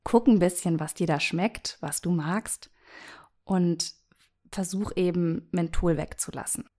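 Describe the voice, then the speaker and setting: A woman with a scratchy, hoarse voice from a cold, hosting a solo advice podcast and chatting directly to the listener as a voice coach. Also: fairly low pitch, measured pace, dark tone.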